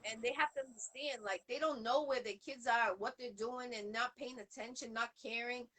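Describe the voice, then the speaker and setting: A woman with a Boston accent hosts a casual interview. Her voice sits high and sounds bright and forward. She talks earnestly, wandering through thoughts with frequent "um"s and restarts. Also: steady tone, normal speed, low-quality recording. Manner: earnest, rambling with many fillers. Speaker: show host.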